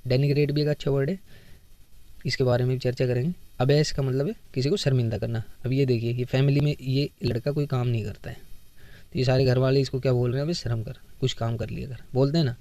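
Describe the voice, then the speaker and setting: A man's voice: mid-range voice, little pitch movement, quick pace, warm tone, no room sound. A man teaching English vocabulary for exams in a casual lesson, explaining words with memory tricks and acted everyday examples. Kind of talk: casual Hindi exam-prep lesson.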